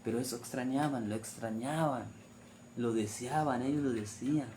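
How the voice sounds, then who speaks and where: A man's voice: mid-range voice, normal speed, darkish tone, a little hiss or hum. A man preaching a sermon on the weekly Torah portion, repeating phrases and asking rhetorical questions.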